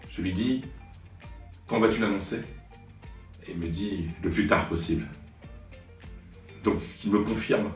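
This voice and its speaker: A sports journalist in his late forties tells reflective stories to camera slowly and hesitantly, with many pauses, fillers and restarts. His deep voice has a darkish tone and sounds a little distant from the mic in a roomy space, with faint music underneath.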